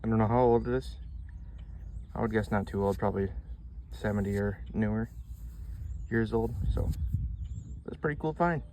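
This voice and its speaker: A man's voice: lowish voice, normal speed, pauses often, a little mellow. A man casually narrating his metal detecting finds to viewers with wonderstruck exclamations, recorded outdoors. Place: outdoors in a torn-out street. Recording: noisy outdoor recording with ambient sounds.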